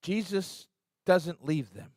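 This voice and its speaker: A pastor preaching a conversational sermon in a church, acting out quotes in an earnest, lively way. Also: male voice, high voice, slow, dry recording, clean studio sound. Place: church sanctuary.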